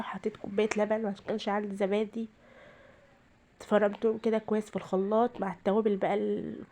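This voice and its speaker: A weary woman speaking with a rural Egyptian accent narrates her home cooking casually, explaining every step to viewers from her kitchen. Her voice is medium in pitch and a little mellow.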